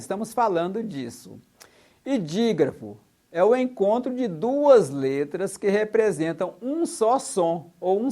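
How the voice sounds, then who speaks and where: Methodical teacher listing examples. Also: male voice, high-pitched, a little mellow. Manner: methodical, lists examples one by one and spells out letters. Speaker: Portuguese teacher. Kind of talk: recorded exam-prep lesson.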